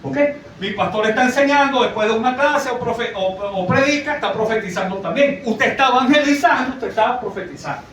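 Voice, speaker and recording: A man's voice: extremely high pitch, fairly quick, few pauses, fairly bright tone. A man preaching a sermon in a conversational way, often asking the congregation questions. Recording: echoey, from far off, faint noise.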